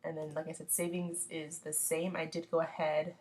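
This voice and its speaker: A woman's voice: low voice, level tone, normal speed, a little mellow. A young woman under the weather with a nasal voice, chatting casually through her budget with frequent ums and self-corrections. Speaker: budgeting vlogger. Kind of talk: casual screen-share walkthrough.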